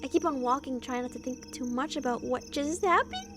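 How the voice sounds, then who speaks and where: A woman's voice: high-pitched, animated, brisk. A young woman streamer reading a story game aloud, playful and laughing between lines.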